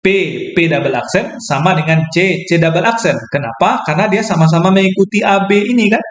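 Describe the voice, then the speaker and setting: A man's voice: high voice, brisk, echoey room. A man explaining a geometry proof as a math lecturer, thinking aloud, correcting himself and checking in with listeners. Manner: thinks aloud, self-corrects, asks "ya kan?".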